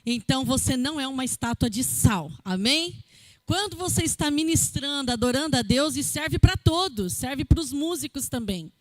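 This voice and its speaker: A woman teaching a church worship workshop, lively and often checking in with the audience. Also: sits high, moderate pace, no room sound. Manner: lively, addresses the audience with frequent "amém?". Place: church event hall.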